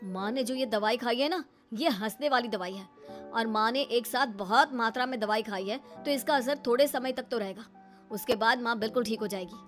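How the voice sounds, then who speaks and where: A woman voicing a young adult son in a cartoon, speaking in a steady, reassuring way. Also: a little high, normal speed, soft background music, voice pushed down, lightly acted. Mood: calm.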